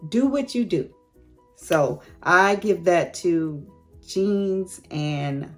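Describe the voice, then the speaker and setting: A woman in her late fifties chatting candidly and laughing often as she answers viewer questions in a casual vlog. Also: sits low. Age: late 50s. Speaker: YouTube host.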